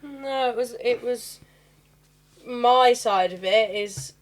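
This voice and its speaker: A woman's voice: fairly high pitch, slow pace. A young woman with a Birmingham accent chatting as an interview guest, rambling through stories with lots of "sort of" and "like". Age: young adult. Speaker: bar owner, interview guest. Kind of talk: storytelling interview chat.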